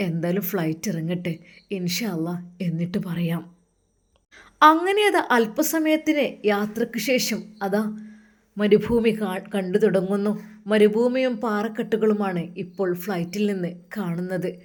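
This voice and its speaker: A woman's voice: mid-range voice, animated, moderate pace. A woman narrating an emotional religious story in a dramatic, heartfelt manner, with pious interjections.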